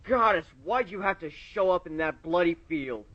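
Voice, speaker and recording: A man voicing a surly, gruff male pegasus pony in a fan fiction reading, speaking in a low growl. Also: expressive, extremely slow, highs cut off, a little hiss or hum, heavily acted. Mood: exasperated.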